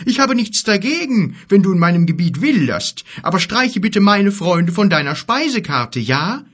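A man doing a loud, combative giant. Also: high voice, very animated, moderate pace, slightly rough, pitched above the performer's own voice, full character voice. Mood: gruff, combative. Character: quarrelsome male giant, blunt and gruff.

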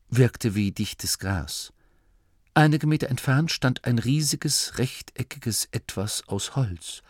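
A man reading a fantasy audiobook as narrator in an expressive storytelling manner. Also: mid-range voice, dry recording, studio quality. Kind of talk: scripted narration.

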